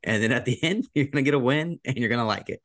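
A man's voice: mid-range voice, animated, fast talker, a bit bright, no room sound, clean studio sound. A man co-hosting a casual sports podcast, laid-back, swearing freely and laughing often. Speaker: podcast co-host.

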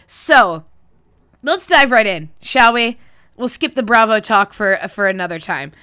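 Woman, podcast host, nasal and sniffly, congested, clear crisp tone, close dry sound, casual and irreverent. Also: a little high, animated, unhurried, sharp tone, dry recording. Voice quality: nasal, sniffly, stuffed-up nose. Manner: informal, sweary, cheeky. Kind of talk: casual, chatty solo podcast talk.

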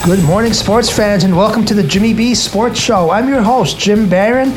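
A man's voice: high voice, normal speed, music in the background. An American man hosting a sports radio show, talking through the games in a monologue.

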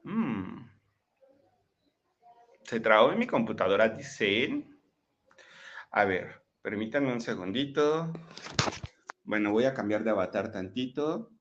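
Animated man, muffled laptop audio. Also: fairly low pitch, takes it slowly, pauses often, slight background noise. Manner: animated, chatty, checks in with listeners. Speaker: motivational speaker. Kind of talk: live-streamed motivational talk. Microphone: laptop microphone.

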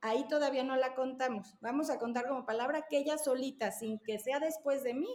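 A woman's voice: high voice, fairly quick, a crowd in the background. A woman, a language therapist explaining patiently with examples as a podcast guest. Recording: roomy echo.

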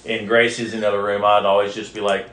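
Low-voiced man in an echoey room. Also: little pitch movement, fast talker, a bit bright. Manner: rambling, jokey and crude. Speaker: podcast host. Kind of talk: casual chat.

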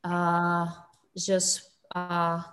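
Woman on a zoom french class, bright voice, slow and stumbly, lots of euh. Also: lowish voice, completely flat delivery. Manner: hesitant, stumbling over words. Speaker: language student. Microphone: video call.

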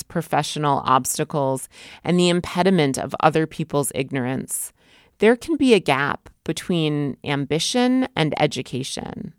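Low, smooth-voiced woman narrating. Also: dry recording, clean studio sound. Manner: measured, polished delivery. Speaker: podcast host and narrator. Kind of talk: scripted narration.

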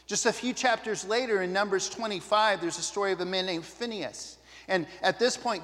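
A man's voice: high-pitched, a bit bright, big-room sound. A man preaching a sermon as a pastor, talking in a conversational, earnest way with asides to the congregation.

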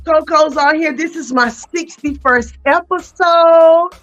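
A woman from North Carolina, hosting a casual chat podcast in a loud, playful, slangy way. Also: high-pitched, slow pace, dull audio, faint music behind. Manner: loud, playful, chatty, drops into Southern slang. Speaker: podcast host.

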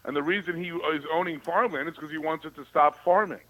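A man's voice: on the high side, fairly quick, pushed and bright, poor audio. A man giving opinionated political talk as a commentator, with a sarcastic, conspiratorial ranting manner.

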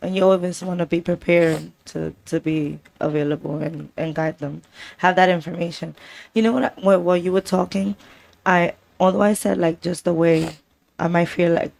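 Gravelly-voiced New York woman, giggly. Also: on the low side, steady tone, darkish tone. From the Bronx. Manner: giggly, goofy, talks in halting broken phrases. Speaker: co-host, host's wife. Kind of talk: casual chat.

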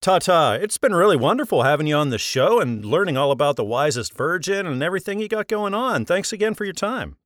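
A male host runs an author interview show in a friendly, promotional manner, asking questions and recommending the books to his listeners. His pitch moves around a lot. The voice sits close on a dry studio mic. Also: sing-song, fairly quick, hardly any pauses, fairly bright tone, no room sound.

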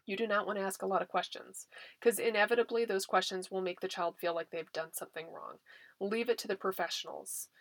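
A woman's voice: mid-range voice, fairly even intonation, brisk, dry recording. Earnest woman speaking plainly, dry sound. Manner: earnest, direct, softens into gentle soothing when modeling what to tell a child. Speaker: child abuse prevention advocate. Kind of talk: educational talk to parents.

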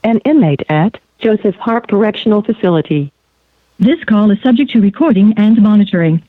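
A woman's recorded voice announcing a collect call on a prison payphone line, in an even announcer delivery. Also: medium pitch, fairly quick, no echo. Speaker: automated collect call message. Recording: tinny distant phone line.

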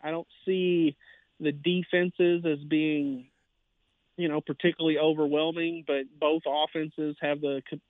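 Man, somewhat high voice, tinny phone line, casual sports talk, rambling with lots of "you know". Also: no echo. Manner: rambling, heavy with fillers and restarts. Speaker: sports writer guest.

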